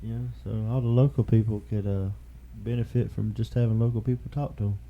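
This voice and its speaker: A man hosting a podcast in casual chat, with a relaxed Southern drawl, rambling and quick to laugh. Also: phone-quality sound. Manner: laid-back, laughs easily, rambling pitches for support. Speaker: podcast host.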